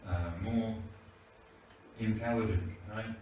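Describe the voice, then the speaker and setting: A man's voice: lowish voice, fairly even intonation, takes it slowly, warm tone, muffled recording, slight background noise. A man teaching English grammar to a class, patiently asking "right?" as he checks that the class follows. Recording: echoey room, mic far off.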